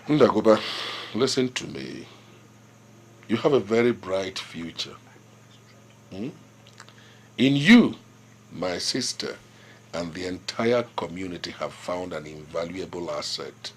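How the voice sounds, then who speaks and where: An actor playing a proud, stubborn older village king with a Nigerian accent, speaking in measured, authoritative lines and quoting proverbs. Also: low voice, lively intonation, slight background noise, heavily acted. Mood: lecturing. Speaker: traditional king. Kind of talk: film drama acting.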